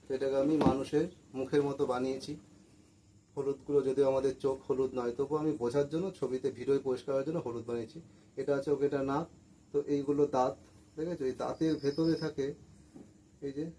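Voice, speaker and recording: A man's voice: medium pitch, flat delivery, fairly quick, pauses often, warm tone, poor audio. A man teaching a lesson to school students, patiently repeating words and asking questions he then answers himself. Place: room with a board. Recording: faint background noise.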